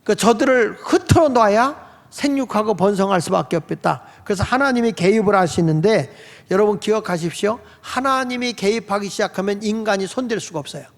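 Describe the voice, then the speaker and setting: Here a pastor gives a sermon a little fast, his pitch high for a man. He keeps it conversational and plain, asking the congregation questions, while a church sanctuary's long reverb trails behind his words.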